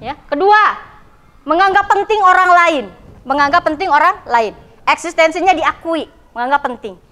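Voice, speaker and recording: A woman with a West Javanese accent teaches her class in a high, clear voice. She keeps turning to the students with quick questions and small tags like "ya" and "gitu" as she explains. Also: lively intonation, sharp tone. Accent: West Java. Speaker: vocational school teacher. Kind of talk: classroom lesson.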